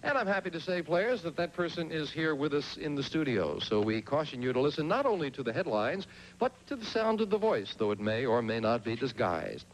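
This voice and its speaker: A man's voice: a little high, sing-song, brisk, slight background noise, poor audio. A man presenting a television quiz as game show host, announcing points and players in classic host patter on an old studio broadcast.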